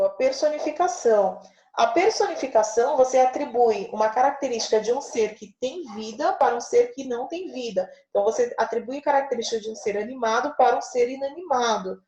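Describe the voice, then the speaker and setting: This female teacher has a fairly high but dark-toned voice, recorded in an echoey room with dull audio. She explains figures of speech patiently, a grammar lesson punctuated by frequent tag questions to make sure her listeners follow.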